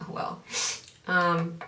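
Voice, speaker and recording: A beauty vlogger speaks very slowly in a bright, forceful tone while doing her makeup, chatting casually and repeatedly circling back after losing her train of thought. The mic is at a distance, giving a roomy echo.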